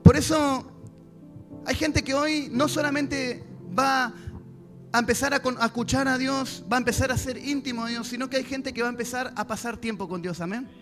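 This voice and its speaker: A man preaches a church sermon in a strikingly high voice. He talks straight to the congregation and acts out little prayers and answers along the way. Music plays clearly underneath him. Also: fairly even intonation, a little fast, pushed and bright. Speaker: pastor. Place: church service.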